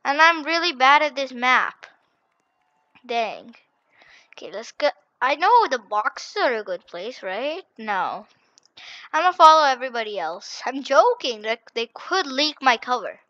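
A young woman commentating a hide-and-seek video game in a frantic, excitable way, repeating herself and dropping to whispers when hiding. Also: high voice, measured pace, dry recording, muffled recording. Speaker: gaming channel host.

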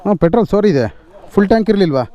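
A man with a high voice leads an off-road ride on a forest dirt trail, recorded on a camera mic as he goes. He talks fast, firing off repeated instructions to fellow riders and laughing often. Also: animated, dark tone, dull audio. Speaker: motovlogger leading an off-road ride. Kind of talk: casual on-the-spot vlog talk.

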